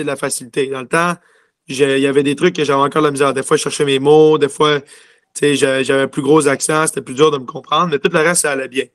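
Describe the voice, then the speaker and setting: In a clean studio recording without room sound, a young junior hockey player from Quebec chats loosely as an interview guest, his Quebec French accent coming through as he rambles with many fillers. His voice is fairly high and a bit bright.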